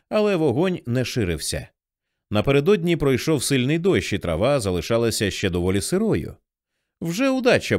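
Lively, expressive male audiobook narrator. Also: medium pitch, no room sound, clean studio sound. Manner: vivid, expressive storytelling.

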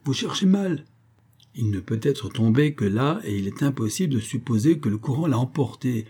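A man voicing a furious veiled woman who leads a gang, barking orders in a raised, higher voice. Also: a little fast, husky. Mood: impatient. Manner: commanding, shouting orders.

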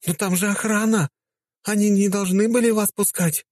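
A man's voice: steady tone, normal speed, a little mellow, dry recording, close to an everyday voice. A man doing a haughty young secretary girl. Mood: surprised. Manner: shrill, mocking, indignant.

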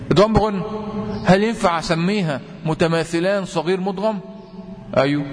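A man with an Egyptian accent teaching tajweed, quizzing his students with repeated questions and chanting verse examples slowly. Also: high voice. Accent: Egyptian Arabic. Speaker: Quran recitation teacher. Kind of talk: tajweed lesson. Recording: long reverb.

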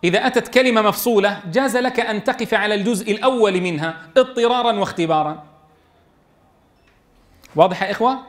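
A man with a voice that sits high teaches a class on the rules of Quran recitation. He quizzes his students and chants verses slowly so they can repeat them.

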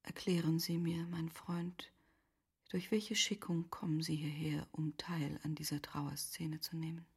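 In literary radio drama, a woman plays Charlotte, a grieving, resigned noblewoman who is self-reproaching yet composed. The full character voice is low, very husky, breathy and half-whispered with little pitch movement, grave and subdued, using solemn, measured, formal diction.

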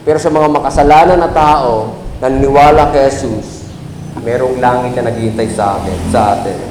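A man preaching a sermon as pastor, reading Scripture slowly and emphatically and swinging between loud high exclamations and low quiet remarks. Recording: echoey hall with faint background noise.

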